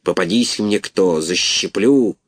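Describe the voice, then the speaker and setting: A man voicing a bossy, hot-tempered gander who hisses and shouts orders. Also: deep voice, takes it slowly. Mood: hissing. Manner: hissing threats, commanding shouts.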